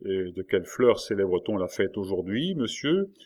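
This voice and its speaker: A man reading an audiobook, voicing a melancholy, heartbroken prisoner who pleads sorrowfully, in a low voice. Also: very animated, normal speed, a little mellow.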